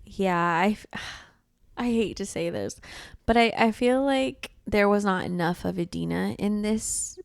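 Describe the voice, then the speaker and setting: A woman chatting casually as a book reviewer, tipsy and animated in how she talks. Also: mid-range voice, a little slow, gravelly, smooth, no room sound, studio quality.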